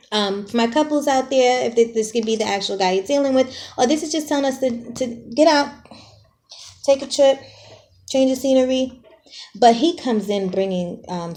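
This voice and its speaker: A woman gives a relaxed tarot reading straight to her viewers. Her voice sits a little high with a warm, mellow tone. She talks in a chatty, frank way, drops in playful slang and keeps asking "okay?". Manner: chatty and direct, often checks in with "okay?". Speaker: tarot reader.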